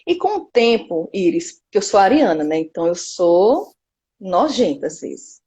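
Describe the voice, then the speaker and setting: A woman in her thirties with a Northeastern Brazilian accent, a cultural producer telling her story frankly and lively in an interview. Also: medium pitch, unhurried. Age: 30s. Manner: lively and frank, frequent "né" tags.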